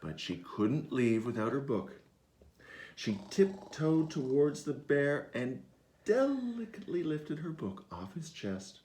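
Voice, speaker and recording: A man reading his picture book aloud to children, animated and inviting them to join in. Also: mid-range voice, slow. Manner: animated, asks listeners to join in. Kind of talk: interactive read-aloud for children.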